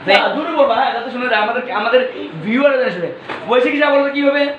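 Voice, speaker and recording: A man's voice: very high voice, racing, crowd noise. A man teaches English pronunciation to pupils in a classroom. He drills them in call-and-response and repeats each word after them. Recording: echoey room, dull lo-fi sound.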